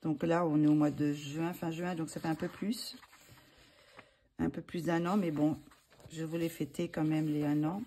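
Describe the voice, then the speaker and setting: Low, mellow-voiced woman chatting hesitantly. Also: little pitch movement, normal speed, a little hiss or hum. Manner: hesitant, many fillers and restarts. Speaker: channel host showing books for a giveaway. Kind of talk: casual chat.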